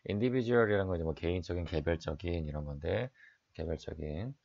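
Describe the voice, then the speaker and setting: A man's voice: sits low, normal speed, gravelly, a little mellow, dull audio. A man teaching an exam-prep English lesson, reading each English phrase aloud, translating it, and answering his own questions. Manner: explains sentence by sentence, reads English then translates; frequent "자" fillers, asks and answers own questions.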